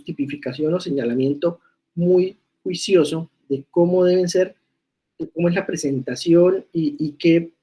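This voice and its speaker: A man's voice: a little high, dark tone, poor audio. A man giving a medical lecture, talking to students in a conversational way and often checking in with tag questions. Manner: reads criteria aloud then explains them. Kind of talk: classroom lecture.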